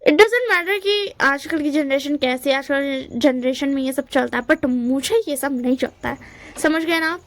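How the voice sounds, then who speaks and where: A woman's voice: sits high, unhurried, fairly bright tone, no echo. Woman voicing a hot-tempered young man. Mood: defiant. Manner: blunt and threatening, mixing English words.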